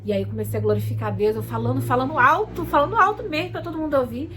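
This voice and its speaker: High-voiced woman sharing an emotional testimony. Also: very fast, poor audio. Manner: emotional, repetitive, addresses viewers as "gente"; self-described shy and soft-spoken. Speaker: vlogger giving a religious testimony. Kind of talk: casual personal testimony to camera.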